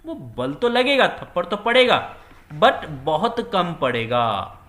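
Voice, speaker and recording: A man's voice: sits high, very animated, takes it slowly, a bit bright, reverberant. A man teaching a physics lesson, who repeats key words and asks questions that he answers himself. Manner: acts out little scenes with quoted dialogue. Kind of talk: classroom lecture.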